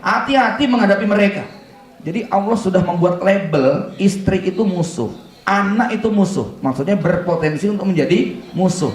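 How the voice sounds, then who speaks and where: Middle-aged man as a seminar preacher, slightly high-voiced, wry and questioning, heard from afar in a very reverberant hall. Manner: rhetorical questions, humorous asides, recites Arabic verses. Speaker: Islamic preacher and seminar speaker. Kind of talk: seminar talk on parenting. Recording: echoey hall, mic from far off.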